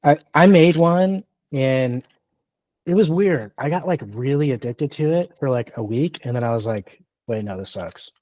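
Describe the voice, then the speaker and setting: A man's voice: mid-range voice, normal speed, dry recording. Rambling man in his thirties, dry lo-fi mic. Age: 30s. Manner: rambling, self-deprecating, many fillers and restarts. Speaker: podcast co-host. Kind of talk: casual chat.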